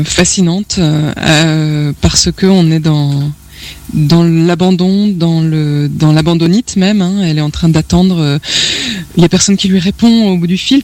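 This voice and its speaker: A woman singer as a guest in a radio studio interview, talking reflectively and hesitantly, pausing often to find her words. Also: lowish voice, darkish tone. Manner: reflective, hesitant with many pauses and fillers.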